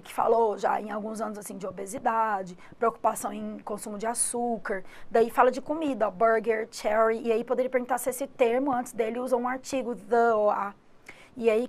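A Brazilian woman teaching an English grammar lesson online, explaining step by step and checking in with frequent tag questions. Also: fairly high pitch. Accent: Brazilian Portuguese. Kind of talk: online exam-prep lesson.

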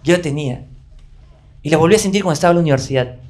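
Animated stand-up comic. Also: male voice, fairly high pitch, rapid-fire. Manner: animated, swearing, self-addressing. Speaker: stand-up comedian. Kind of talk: stand-up comedy storytelling. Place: theater stage.

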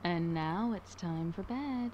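A gentle, lilting video game mother. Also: on the low side, animated, slow pace, lo-fi sound, a little hiss or hum. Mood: tender. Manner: soft, singsong, soothing. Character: sweet gentle mother tucking in toddler. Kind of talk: game voice acting.

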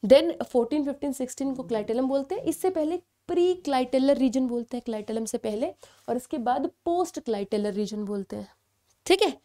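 A young woman delivers an exam-prep biology lecture in a fairly high, mellow voice. She explains step by step, poses questions to her students and checks in with them often. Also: lively intonation, normal speed. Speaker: biology teacher.

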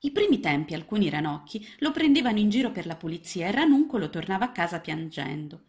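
A woman narrating a children's story, reading in an expressive, lively storytelling manner. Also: lowish voice, fast.

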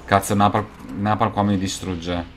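Young male gaming YouTuber, low voice, excitable, swears a lot, faint hiss. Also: normal speed. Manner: excitable, swears and bursts into shouting. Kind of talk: gameplay commentary.

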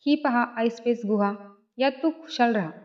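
A gentle, welcoming old mountain speaks in a slightly raised, soft storybook voice, as a woman narrator puts him on. He is kind and fatherly to everyone who comes. The sound is dull and lo-fi. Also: fairly high pitch, normal speed, lightly acted. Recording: dull lo-fi recording.

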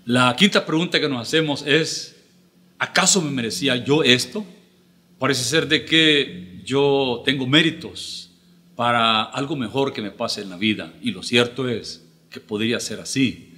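A middle-aged man, preaching an earnest, measured sermon with pauses as pastor. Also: mid-range voice, pushed and bright. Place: church livestream.

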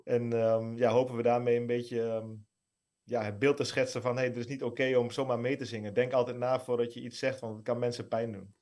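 Man in his thirties, relaxed guest. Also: mid-range voice, brisk. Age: 30s. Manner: relaxed, frequent hesitations. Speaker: guest, former pro footballer. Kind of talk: interview answers and reading aloud.

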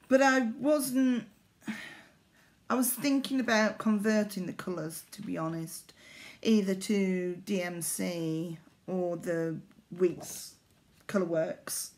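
A middle-aged woman, chatting casually to camera in a hesitant, rambling way, recorded at arm's length in a living room. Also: medium pitch. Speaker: needlework vlogger. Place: small living room indoors.

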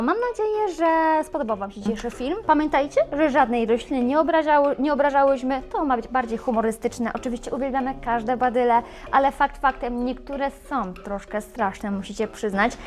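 A woman hosting a plant shop video, talking in a playful, chatty and animated way. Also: sits high, normal speed, few pauses. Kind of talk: casual video presenting plants.

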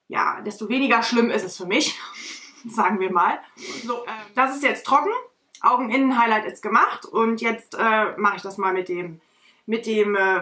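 A woman's voice: medium pitch, pushed and bright. A young woman chatting casually through a makeup tutorial, rambling with lots of fillers, filmed by a camera at desk distance at home. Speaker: beauty vlogger. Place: bedroom or home studio, indoors.

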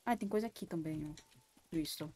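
A woman's voice: deep voice, brisk, darkish tone, slightly rough. Scared Brazilian woman streaming a horror game. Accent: Brazilian Portuguese. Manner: jumpy and scared, swearing often, talking to herself. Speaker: gaming streamer. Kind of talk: live gaming commentary.

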